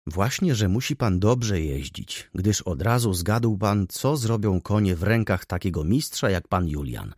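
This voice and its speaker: Figure: sharp-tongued young widow voiced by a man. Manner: teasing, imperious, husky. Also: lowish voice, animated, unhurried, hardly any pauses, dry recording, clean studio sound. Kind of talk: audiobook character voice.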